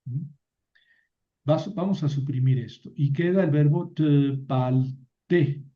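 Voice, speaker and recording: Male teacher, unhurried and hesitant, full of fillers; muffled lo-fi sound. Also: a little high. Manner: slow, hesitant explaining with many fillers and restarts. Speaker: biblical Hebrew teacher. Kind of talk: online class lecture.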